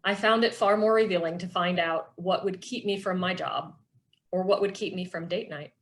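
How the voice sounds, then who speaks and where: Presenting a workshop, a middle-aged woman mixes explanation with personal reflection. Her fairly low voice keeps a steady tone, and she sounds earnest and measured.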